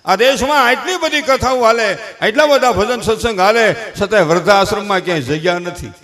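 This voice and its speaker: Older man, high voice, Kathiyawadi Gujarati accent; folksy stage comic who preaches as he jokes. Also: brisk, a bit bright. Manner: folksy, preachy, with rustic dialect. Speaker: folk comedian and speaker. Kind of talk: humorous stage talk with moral advice. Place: stage before a live audience.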